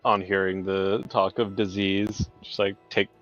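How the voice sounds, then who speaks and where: A man's voice: low-pitched, flat delivery, measured pace, a bit bright, lo-fi sound, soft background music. A man playing in a tabletop game, joking and laughing with the group. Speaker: player. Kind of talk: casual tabletop play.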